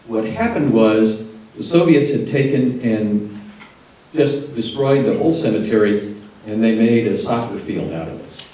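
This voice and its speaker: A man's voice: medium pitch, measured pace, mellow. A man from Texas, an audience member chatting through a personal story before his question at a lecture. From Texas, United States. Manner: conversational, storytelling, with fillers. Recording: echoey hall from far off.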